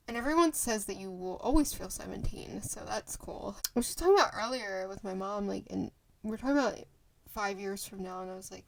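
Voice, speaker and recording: A twentysomething woman rambles to her phone camera in a casual vlog, her medium-pitched voice gravelly with a darkish tone. She interrupts herself often and leans heavily on fillers.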